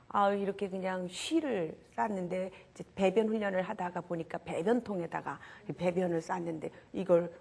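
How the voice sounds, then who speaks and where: A woman's voice: on the low side, creaky, darkish tone, slightly rough. A woman giving a lecture on character education to a live audience, getting them to repeat after her and dropping to a whisper for emphasis. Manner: leads call-and-response with the audience.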